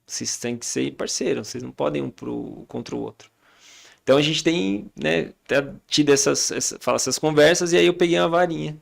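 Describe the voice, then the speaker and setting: Brazilian man in his thirties, podcast guest, very gravelly, talks fast, acts out family scenes. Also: fairly high pitch. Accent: Brazilian Portuguese. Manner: storytelling, acting out family dialogue. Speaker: podcast guest, father and church leader. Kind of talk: casual chat.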